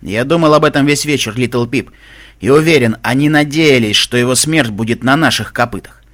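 A man voicing a stern, armored male pony warrior who reasons gravely and deliberately in a storybook reading. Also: medium pitch, fairly bright tone, no echo, natural voice. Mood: grim.

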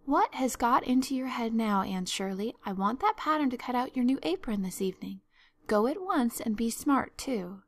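A woman voicing a stern, sensible older woman in a storybook, brisk, sarcastic and scolding. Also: medium pitch, expressive. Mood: brisk, impatient. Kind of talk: storybook narration.

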